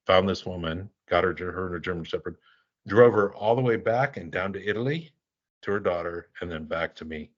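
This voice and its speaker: An older man, a guest in an interview, telling stories casually and rambling with halting restarts. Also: low voice, fairly bright tone, dull audio. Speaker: guest, animal relief volunteer.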